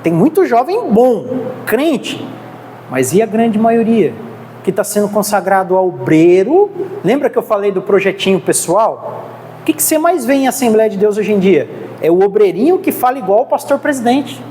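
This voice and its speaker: A woman's voice: mid-range voice, mellow. A woman with a Brazilian accent teaching a theology class, earnest and exhorting. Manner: earnest, exhorting, keeps addressing the class as brothers. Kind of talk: church class lecture. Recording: reverberant hall with faint noise.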